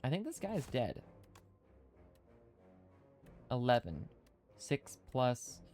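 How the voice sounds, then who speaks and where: A man's voice: medium pitch, huge pitch swings, slow pace, a little mellow, faint music behind. Chatty male streamer thinking aloud. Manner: thinking aloud, chatty, reads chat comments. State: wearing dental retainers, slightly hindered speech. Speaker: streamer playing a video game. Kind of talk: casual live-stream commentary.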